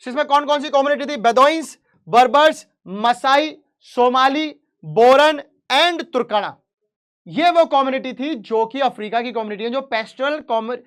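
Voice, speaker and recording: Lively Hinglish teacher explaining history. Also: mid-range voice. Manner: reads English lines slowly, then explains fast in chatty Hinglish; playful asides and jokes, addresses students directly. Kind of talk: Hindi-English classroom lesson.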